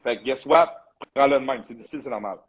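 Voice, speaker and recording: A man with a Quebec French accent chats loosely as a bodybuilding coach hosting a show. His voice sits at a middle pitch with a husky, slightly rough edge. He talks freely and drops English slang into his sentences. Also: quick pace, dull audio. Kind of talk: casual live chat.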